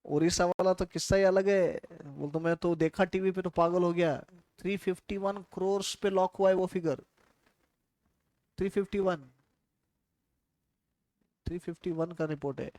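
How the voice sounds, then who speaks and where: A man's voice: high-pitched, fairly even intonation, normal speed, pauses often, darkish tone, dry recording. A man from India giving a casual, chatty classroom lecture, telling stories and asking his students questions.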